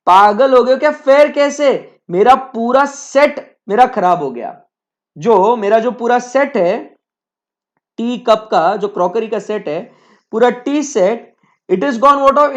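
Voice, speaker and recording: A man's voice: extremely high pitch, animated, takes it slowly, full character voice. A man acting out an exasperated mother who scolds over a broken tea cup, in a dull lo-fi recording. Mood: indignant. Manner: indignant, scolding.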